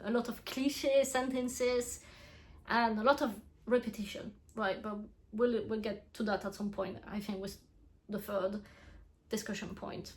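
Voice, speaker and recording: A young native French speaker reviews books in a casual, frank vlog, laughing often and restarting her sentences. Her French-accented voice is on the high side and fairly bright.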